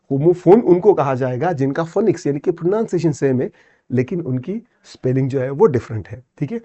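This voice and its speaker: A man's voice: mid-range voice, warm tone. A man with an Indian English accent teaching an exam-prep lesson, explaining step by step and often checking "theek hai".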